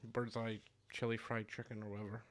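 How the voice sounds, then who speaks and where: Man, low voice, casual cooking livestream, rambling, talking with mouth full, home kitchen. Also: fairly quick. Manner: relaxed, rambling, eats while talking. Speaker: cooking stream host.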